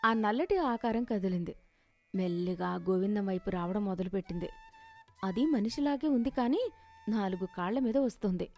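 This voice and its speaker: A woman narrating a children's animated moral story with dramatic, expressive delivery. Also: mid-range voice, moderate pace, soft background music.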